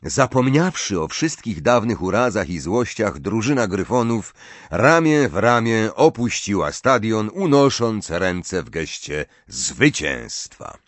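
A man narrating an audiobook in an expressive, lively reading. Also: lowish voice, slow pace, dry recording. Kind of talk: scripted narration.

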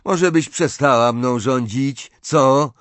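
A man's voice: medium pitch, slow pace, fairly bright tone, dry recording, pitched above the performer's own voice. Man doing a sulky nervous teenage boy. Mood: defiant.

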